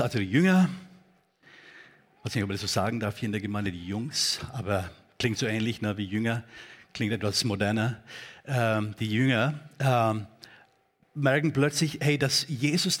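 A man preaching a sermon in a church, talking in a conversational, halting way with many fillers. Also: mid-range voice. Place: church hall.

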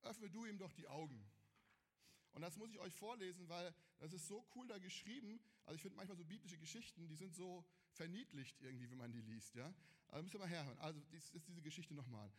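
Brief: high-pitched male youth preacher, casual sermon, animated storyteller with slangy exclamations, slightly strained voice. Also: fast talker.

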